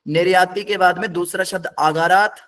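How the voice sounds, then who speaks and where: A man's voice: high voice, fairly even intonation, moderate pace, fairly bright tone. A man teaching a scripture class, explaining word by word in a patient, step-by-step way and putting questions to his students.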